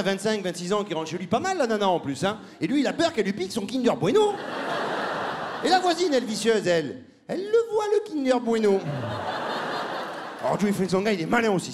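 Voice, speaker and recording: A man doing a stand-up style comic monologue, mocking and laughing, breaking into squeaky put-on voices. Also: big pitch swings, fast, crowd noise. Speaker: stand-up comedian.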